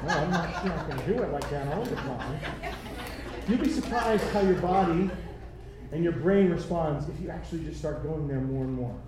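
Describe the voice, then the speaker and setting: A man directing a choir rehearsal, energetic and encouraging, singing phrases to demonstrate. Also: on the high side, normal speed, a crowd in the background. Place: large rehearsal room. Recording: echoey room from far off, singers behind.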